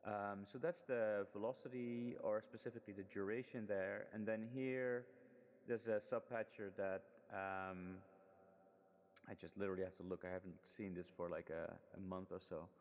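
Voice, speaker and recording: A fairly low-voiced man talks through a screen demo in a relaxed, halting way, trailing ums and restarting his sentences. Heavy reverb washes over every word, as though he were speaking in a large hall, and the sound is dull and lo-fi. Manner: hesitant, many ums and restarts. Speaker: student presenting a final project. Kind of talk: casual screen demo walkthrough.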